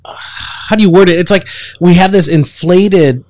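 A man co-hosting a casual faith podcast, joking and halting with fillers. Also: high voice, darkish tone. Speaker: podcast co-host.

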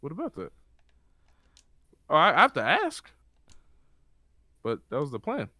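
A young man in casual, slangy chat, swearing and repeating words in excited bursts. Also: a little high, unhurried, dry recording, studio quality. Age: young adult.

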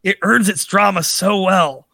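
Podcast co-host, male, a bit high, bright edgy tone, dry close mic, talks in loose animated bursts. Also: a little slow, gravelly, dry recording. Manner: animated, rambling with restarts. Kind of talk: casual chat.

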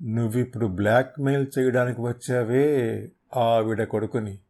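A man's voice: mid-range voice, fairly even intonation, moderate pace, mellow, lightly acted. A man voicing a cold, ruthless young man who makes clipped threats. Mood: menacing.

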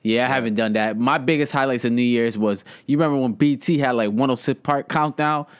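A man's voice: medium pitch, fairly quick, clear, resonant tone. A young adult man co-hosting a podcast, playful and teasing in casual chat. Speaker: podcast co-host.

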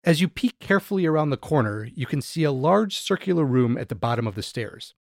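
A man's voice: fairly high pitch, very animated, brisk, creaky, dry recording. Dry, close-miked male game master. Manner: descriptive, stammers on restarts. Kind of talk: narrating a tabletop game.

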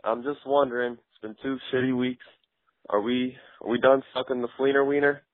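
A man's voice: medium pitch, flat delivery, fairly quick, no echo. A man from Philadelphia leaving a casual, joking voicemail for a podcast as a caller, swearing freely, heard played back over a phone line.

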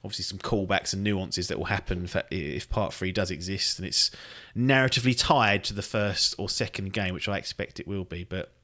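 A man talks through his podcast in relaxed, rambling chat. His voice sits a little low, and he swears freely as he goes. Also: brisk, few pauses. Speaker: podcast host. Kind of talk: casual chat.

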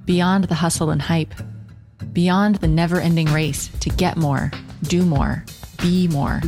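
A woman hosting a podcast, reading a scripted introduction. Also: fairly low pitch. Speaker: podcast host.

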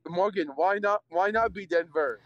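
A man heard over a phone line, his voice high and lifted, muffled and dull in tone. The sound is dry and close, with none of the room around him. He talks in an excited, upbeat way, as a caller would to a show. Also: moderate pace, no echo. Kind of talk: casual chat. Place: in a car.

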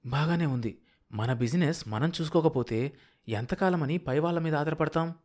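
A man voicing a sharp-tongued, scheming middle-aged wife who scolds her husband. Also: fairly high pitch, moderate pace, lightly acted. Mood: scolding. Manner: bossy, impatient, scolding.

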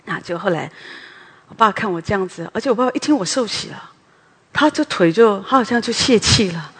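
A middle-aged woman giving a personal testimony sermon at a prayer meeting, chatty and often ending phrases with a soft "ha". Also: mid-range voice, lively intonation, fairly quick, slightly rough. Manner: conversational, tags sentences with a soft "ha". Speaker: preacher at a women's morning prayer meeting. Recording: long hall reverb.

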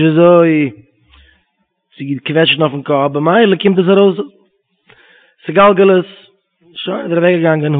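A man giving a Talmud lesson, reading Hebrew quotes and explaining them in Yiddish. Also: a little high. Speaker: Talmud teacher. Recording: tinny phone-line sound.

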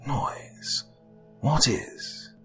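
A man's voice: very slow, a bit bright, soft background music. A man voicing a cruel, childlike entity inside someone's head, which barks broken one-word commands in a voice doubled with a whisper. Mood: menacing. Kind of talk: horror audiobook narration.

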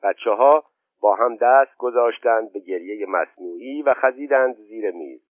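A man's voice: fairly low pitch, no room sound. Man reading a novel over tinny narrow-band sound. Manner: steady measured literary reading. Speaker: audiobook narrator. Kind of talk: scripted novel narration.

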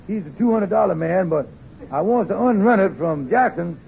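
An actor playing a wheedling, excitable small-time con man in a 1950s radio comedy, stammering as he schemes. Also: sits high, normal speed, gravelly. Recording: tinny, noisy old radio recording.

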